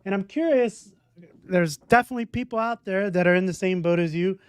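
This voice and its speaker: A man hosting a podcast from home, chatting in a relaxed way and laughing easily. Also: high-pitched, a little fast, clean tone, no echo. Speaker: podcast host. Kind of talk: casual podcast conversation.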